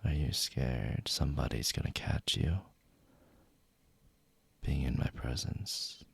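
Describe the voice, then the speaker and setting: Casting: male actor as flirty bully leading man for whispered ASMR role-play; heavy vocal fry, husky, close dry sound, intimate taunting delivery. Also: very deep voice, slow pace, no room sound, exaggerated voice. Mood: seductive, commanding. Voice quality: husky, gravelly.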